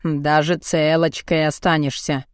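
A woman's voice: deep voice, level tone, measured pace, dry recording, clean studio sound, pitched below the performer's own voice. A woman voicing a crude, cocky young muscleman who taunts and speaks bluntly in an audiobook. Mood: mocking. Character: crude cocky muscular young man, mocking and pushy. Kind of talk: audiobook character voice.

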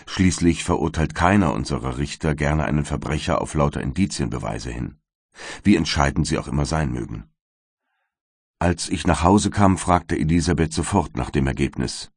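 A man narrating a classic novel in a measured, somber way. His voice is extremely low, and the recording is dry and close with no room sound. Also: lively intonation, slightly rough, no room sound. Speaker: audiobook reader. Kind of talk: scripted narration.

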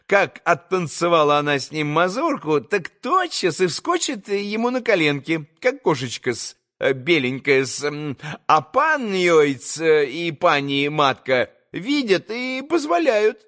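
A man's voice: fairly high pitch, big pitch swings, a little slow, fairly bright tone. A man reading an audiobook, voicing a servile, giggling old landowner who stammers and hedges politely. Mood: fawning. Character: fawning old male landowner, giggling and hesitant.

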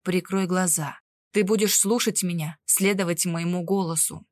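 A woman voicing a stern young man who firmly and calmly gives instructions. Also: lowish voice, moderate pace, no room sound, clean studio sound, natural voice. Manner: firm, calm, instructing. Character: stern young man, commanding healer mentor.

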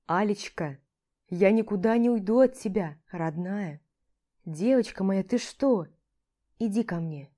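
A woman voicing a young man who gently coaxes and soothes his partner in a warm, mellow voice. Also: mid-range voice, lively intonation, moderate pace, close to an everyday voice. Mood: tender coaxing. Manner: tender, coaxing.

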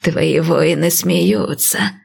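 A woman voicing an old blind priestess and seer, speaking slowly and calmly. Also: on the low side, gravelly, slightly rough, full character voice. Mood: calm, wise. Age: older. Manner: slow, calm, measured.

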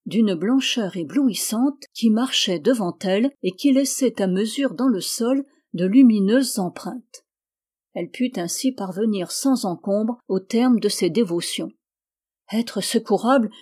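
A woman reading a book aloud as an audiobook narrator, in a measured, even delivery that slows on key phrases. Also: medium pitch. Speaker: audiobook reader. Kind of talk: scripted narration.

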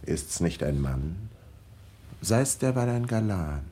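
Mephistopheles, a sly mocking devil. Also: male voice, slow pace, slight background noise, full character voice. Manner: theatrical, wheedling, lively swings in pitch. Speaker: actor playing Mephistopheles. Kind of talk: 1950s German radio drama acting.

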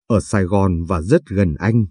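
A man voicing a shy, polite young woman with a limp, speaking softly and timidly in a storybook reading. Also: low voice, unhurried, slightly rough, no room sound, clean studio sound. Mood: shy, teasing.

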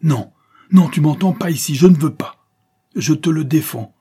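A man's voice: on the low side, normal speed, mellow, slightly rough. A man voicing a troubled male accomplice who pleads and then turns defiant.

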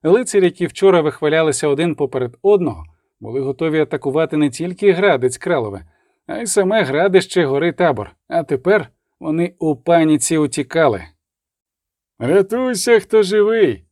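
A man narrating an audiobook in a steady dramatic reading. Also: fairly high pitch, quick pace, dry recording, studio quality. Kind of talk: scripted narration.

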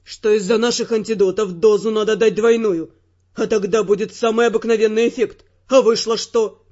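A woman's voice: mid-range voice, steady tone, normal speed, muffled recording, pitched below the performer's own voice, lightly acted. A woman voicing an angry young male spy partner in an audiobook reading. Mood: furious. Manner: indignant, shouting.

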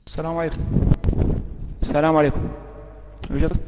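Student man reciting at speed over a broken online call with dropouts; slightly high, monotone delivery. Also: noisy background. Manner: fast, flat recitation. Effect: choppy online call audio with dropouts. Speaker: student reciting a memorized text. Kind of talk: rapid memorized recitation. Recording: muffled, echoey online call audio.

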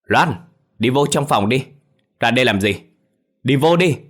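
A man's voice: fairly low pitch, sing-song, normal speed. A man voicing an anguished, proud father. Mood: shouting. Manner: pleading and shouting in protest.

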